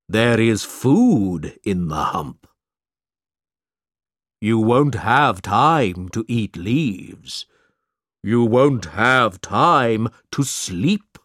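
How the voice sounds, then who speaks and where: A man voicing a solemn, commanding male djinn spirit in a storybook reading, speaking slowly and sternly. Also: medium pitch, a bit bright, no room sound, studio quality, full character voice. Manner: slow, stern, deliberate.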